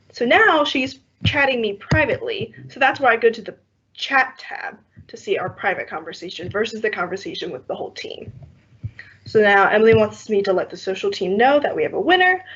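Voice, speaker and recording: A young woman who trains workshop teachers walks through a software demo step by step on an online call. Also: medium pitch, a little fast. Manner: steady step-by-step explaining with soft laughs. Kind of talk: screen-share software demo. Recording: slightly muffled online call audio with faint noise.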